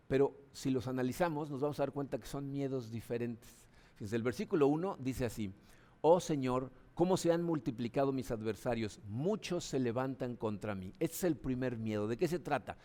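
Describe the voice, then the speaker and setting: Mexican pastor preaching conversationally. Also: male voice, expressive, moderate pace, dark tone. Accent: Mexican Spanish. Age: adult, father of children. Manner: conversational preaching, frequent "¿no?" tags; acts out voices with sudden high pitch jumps. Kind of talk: sermon.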